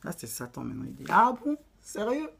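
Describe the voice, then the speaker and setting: A woman's voice: medium pitch, huge pitch swings, brisk, creaky, husky, pitched above the performer's own voice, exaggerated voice. A woman with an African accent voicing a scheming, cocky male Satan who mocks with challenging questions. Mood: taunting.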